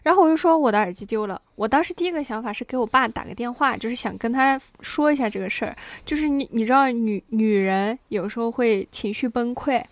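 A young woman in her twenties co-hosting a casual chat podcast, telling stories in an animated way and often asking "you know?". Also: a little high, fast, hardly any pauses, dry recording. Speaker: podcast co-host.

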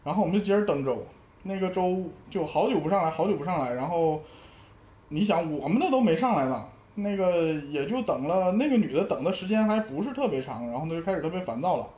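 Northeastern guy telling stories on a podcast, acts out every voice, lots of pitch swing, sounds roomy. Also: animated, fast talker, dark tone. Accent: Northeastern Mandarin. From Northeast China. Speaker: podcast guest. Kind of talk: casual storytelling chat. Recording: roomy echo.

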